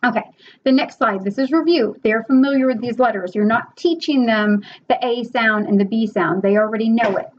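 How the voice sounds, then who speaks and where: A young woman giving tips on teaching online, in a casual instructional style that slides into slow, exaggerated sing-song demo words. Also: a little high. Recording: slightly dull lo-fi sound with faint hiss.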